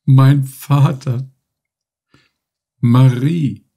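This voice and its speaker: A man voicing a sick, worn-out young male captain who calls out slowly and with strain. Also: mid-range voice, creaky, warm tone, breathy edge, voice pushed up, full character voice. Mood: weak, emotional.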